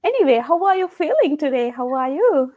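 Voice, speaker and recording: A woman's voice: high-pitched, sing-song, brisk, no room sound, rough recording. Earnest woman from Sri Lanka. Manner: earnest, non-native phrasing, soft laughs. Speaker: guest, engineer. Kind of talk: casual interview chat. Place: home.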